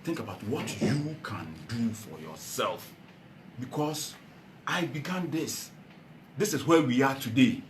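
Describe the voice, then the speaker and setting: A man with a Ghanaian accent speaks to a meeting in a rousing political speech. His pitch swings widely as he shifts from loud calls to low, earnest tones. The room sounds echoey, with faint ambient noise behind him. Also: expressive, unhurried. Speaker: party founder addressing a meeting.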